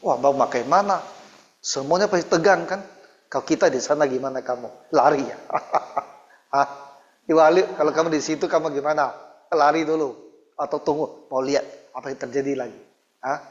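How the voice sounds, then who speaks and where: Higher-voiced man teaching a Bible lesson. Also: moderate pace. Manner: animated storyteller, quizzing listeners. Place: church hall. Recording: dull recording in a reverberant hall.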